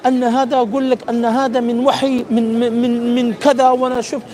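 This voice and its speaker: Very high-pitched man, insistent repeated phrases. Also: little pitch movement, fast, mellow. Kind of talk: animated religious debate.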